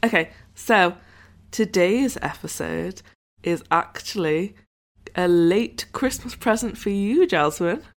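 A woman hosts a podcast at a slow, unhurried pace. Her voice has a gravelly fry to it as she thanks patrons and sets up the episode. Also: on the low side, lively intonation. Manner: unhurried, reads out thanks and promos. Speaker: podcast co-host. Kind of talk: casual chat.

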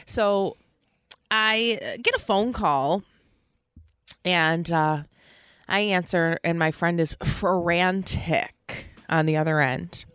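A woman's voice: lowish voice, slow pace, fairly bright tone, clear, resonant tone, no echo, clean studio sound. A woman co-hosting a casual podcast, teasing and joking, swearing casually. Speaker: podcast co-host. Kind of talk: casual chat.

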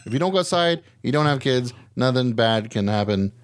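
Medium-pitched and brisk, this man's lively voice carries a little hiss or hum in the recording. He co-hosts a podcast, and the casual, comedic conversation finds him rambling, profane, and frequently self-deprecating.

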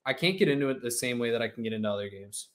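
A man in his mid twenties in casual podcast chat, halting and full of "like.". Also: medium pitch, expressive. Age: 20s.

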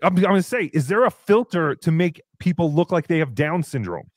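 A high, lively male voice with a sarcastic, rambling way of talking. He is a livestream host in his fifties, recorded dry and close with no room sound at all. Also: fairly quick, no room sound. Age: 50s. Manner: sarcastic, rambling, reads out donations. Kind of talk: casual livestream chat.

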